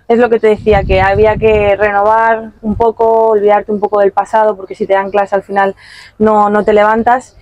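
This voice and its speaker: A young woman padel player answering interview questions after a match, calm and measured, with many fillers, outdoors at a tournament stand on a handheld mic. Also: medium pitch, dry recording, highs cut off.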